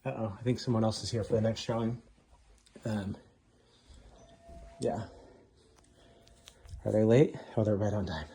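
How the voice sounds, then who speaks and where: A man casually narrating a walking tour of a house, offhand and relaxed with frequent ums. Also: lowish voice, unhurried, pauses often, slight background noise. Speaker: home tour host. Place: inside a house being toured.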